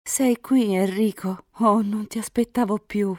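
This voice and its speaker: A woman's voice: fairly even intonation, measured pace, darkish tone, no echo, studio quality, close to an everyday voice. A woman reading aloud, voicing a tender young woman in love who pleads earnestly. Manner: earnest, emotional, rising pitch.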